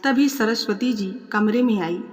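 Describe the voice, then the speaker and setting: Calm, measured woman storyteller, fairly high voice, long reverb on the recording. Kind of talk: scripted story narration.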